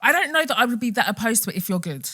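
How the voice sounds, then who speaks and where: A woman's voice: a little high, animated, very fast, bright, forceful tone, husky. A woman co-hosting a podcast, chatting and asking direct questions. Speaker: podcast co-host. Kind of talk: casual chat interview.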